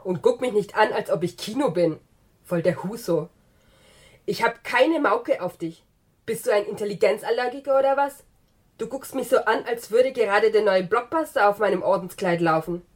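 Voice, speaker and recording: A woman's voice: mid-range voice, lively intonation, normal speed, pitched above the performer's own voice, lightly acted. A woman voicing a rude, aggressive male priest who scolds in coarse slang. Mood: scornful.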